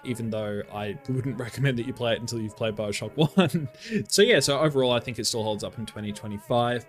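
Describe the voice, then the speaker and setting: A man co-hosting a casual gaming chat, excitable and rambling, laughing often. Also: medium pitch, a little fast, faint music behind. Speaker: co-host.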